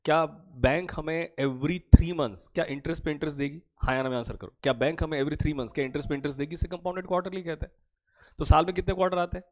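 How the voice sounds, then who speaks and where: A man teaching an online class. He has a cough and trouble speaking. He talks slowly on purpose, asks a question, answers it himself, repeats each point and calls his students "beta" like a fatherly teacher. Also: on the high side, fairly even intonation, a little mellow. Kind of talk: online lecture.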